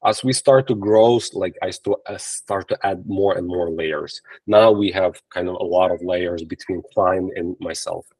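A Ukrainian-accented agency owner talks as a podcast guest in an easygoing interview via a laptop or phone camera. His low voice has a breathy edge and runs at a moderate pace with few pauses, telling energetic stories in simple non-native English and often starting over. There's no echo, though the audio is poor.

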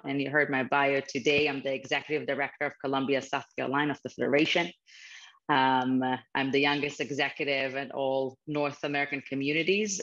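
A woman's voice: extremely low pitch, fairly bright tone. A woman in her thirties with a Ukrainian accent, speaking earnestly and from the heart as a guest speaker over a video call from a small office. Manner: earnest, heartfelt, slightly non-native phrasing. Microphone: video call webcam. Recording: slightly muffled video call audio.

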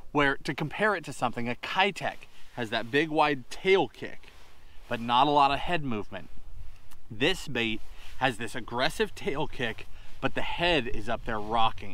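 A man's voice: medium pitch, bright, forceful tone. A man in his thirties, hosting a fishing show, explains tackle to the camera with practical enthusiasm while sitting in a boat on an open lake.

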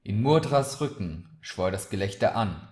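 A man reading a fantasy short story aloud, slow and deliberate. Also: on the low side, lively intonation, a little mellow. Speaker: reader of short stories. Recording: roomy echoey recording.

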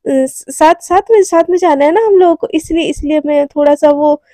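A woman's voice: sits high, normal speed, mellow, dry recording, studio quality, natural voice. A woman voicing a nervous young woman in love who stammers and repeats her words. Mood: flustered. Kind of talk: storyteller voicing a character.

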